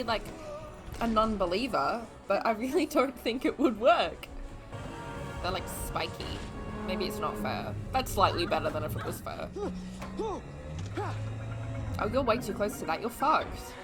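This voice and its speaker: A woman's voice: fairly high pitch, sing-song, a little slow, long pauses, low-quality recording. A young Australian woman giving chatty movie reaction commentary, exclaiming at the screen and laughing often. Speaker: YouTube vlogger. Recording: film audio and music behind.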